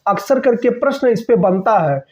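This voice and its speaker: A man's voice: extremely high pitch, expressive, moderate pace. A man teaching an exam-prep grammar lesson, repeating key points and checking in with his students often. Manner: asks and answers own questions.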